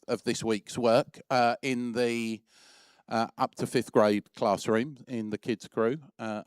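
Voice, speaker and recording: A man speaking at a church service as a youth leader, his voice mid-pitched and dry. He talks in a halting way, filling gaps with many fillers. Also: no echo.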